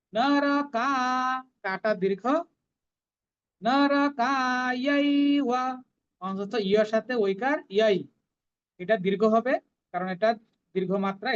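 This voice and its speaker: A woman teaching Sanskrit verse recitation, chanting each line slowly and then explaining the pronunciation in quick, plain speech. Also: medium pitch, muffled recording. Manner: slow drawn-out chanting alternating with quick explanations.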